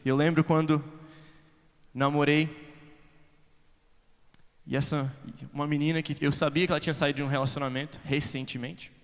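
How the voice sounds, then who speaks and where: A man with a Brazilian Portuguese accent preaching at a youth conference, moving between quiet storytelling and shouted appeals and mixing English phrases into his sermon. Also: on the high side, flat delivery, normal speed, long pauses, smooth. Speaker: youth pastor. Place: large conference hall. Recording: reverberant hall.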